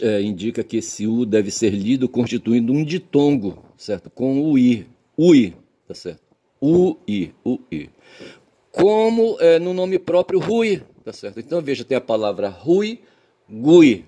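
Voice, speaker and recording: A man's voice: medium pitch, warm tone. A Brazilian man with a Brazilian Portuguese accent, holding a rambling solo monologue that keeps checking in with the listener, folksy, pedantic and blunt, with the odd swear word. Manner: keeps tagging phrases with "tá certo?" and "sabe?", pedantic and folksy. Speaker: channel host.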